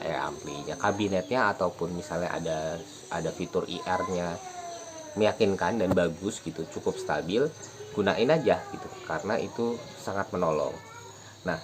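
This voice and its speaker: A man giving a relaxed, casual guitar tutorial, explaining step by step with fillers, recorded outdoors in a village. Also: sits low, noisy background. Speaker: guitar teacher. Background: crickets and insects, a passing motorbike.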